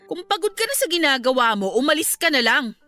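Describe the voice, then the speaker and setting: A woman's voice: high voice, very animated, a little fast, pushed and bright, no room sound, clean studio sound, soft background music, exaggerated voice. A woman playing a cruel, haughty employer who scolds with contempt in a radio drama. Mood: scornful.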